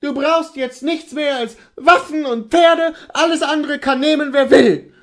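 Guy putting on a scared young wife, way up high and shrill, voice swinging all over as she begs. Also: animated, moderate pace. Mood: distraught. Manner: shrill, high, breaking with alarm. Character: distraught young wife, frightened and pleading.

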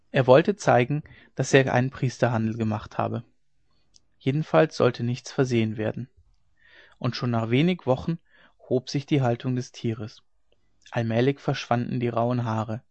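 A man reading classic prose as an audiobook narrator, in a measured, even manner, on a dry, dull lo-fi recording. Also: mid-range voice, no echo.

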